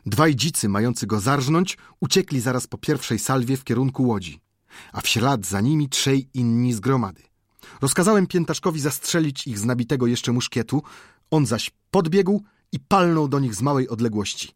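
A man reading an adventure novel aloud as an audiobook narrator, in a measured, dramatic storytelling manner. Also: mid-range voice, lively intonation, no echo, clean studio sound.

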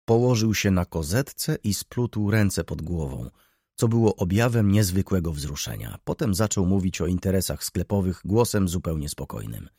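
A man's voice: low-pitched, lively intonation, moderate pace, dark tone, husky, dry recording, clean studio sound. A man narrating a classic novel as an audiobook, telling the story dramatically in the first person.

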